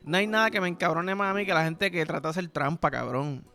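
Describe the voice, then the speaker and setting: A man's voice: fairly high pitch, quick pace, faint music behind. A Puerto Rican man hosting a podcast, telling crude comic stories full of swearing and mouth sound effects. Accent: Puerto Rican Spanish. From Puerto Rico. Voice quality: profane, animated storytelling with sound effects. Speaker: podcast host. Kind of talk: crude comedic monologue.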